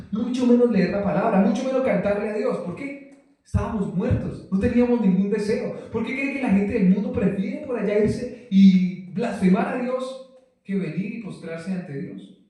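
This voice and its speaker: Male preacher, high but mellow voice, emphatic rhetorical style, heard from a distance in an echoey room. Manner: emphatic, rhetorical questions answered himself. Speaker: preacher teaching a Bible study. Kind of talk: sermon.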